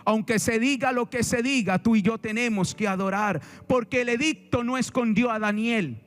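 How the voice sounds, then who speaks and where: Colombian caribbean pastor, fairly high voice, preaching hard, repeats himself, throws questions at the crowd. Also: male voice, normal speed, fairly bright tone, faint music behind. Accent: Colombian Caribbean Spanish. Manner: emphatic preaching with rhetorical questions and repetition. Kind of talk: sermon.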